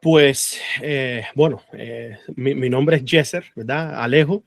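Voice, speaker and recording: A man's voice: medium pitch, slow, gravelly, dry recording. Man, from Cuba, guest, video call, earnest, hesitant fillers, dry close sound. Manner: earnest, many "eh" fillers, laughs easily. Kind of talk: personal testimony in a video call.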